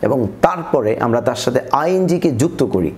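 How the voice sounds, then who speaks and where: A man's voice: medium pitch, expressive, brisk, a little mellow. A man with a Bangladeshi accent teaching English pronunciation in a methodical way, saying each example word twice. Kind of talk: scripted lesson narration.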